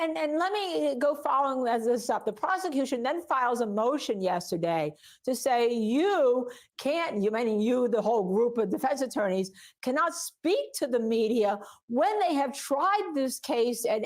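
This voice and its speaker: Higher-voiced woman interviewing, halting questions. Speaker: news interviewer. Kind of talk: legal news interview.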